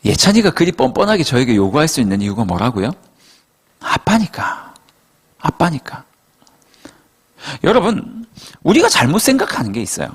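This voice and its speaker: A male pastor preaching a sermon to young adults in a lively storytelling style, speaking to the congregation directly and acting out dialogue. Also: mid-range voice, fast talker, vocal fry, breathy edge. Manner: addresses listeners directly and conversationally. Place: church worship service.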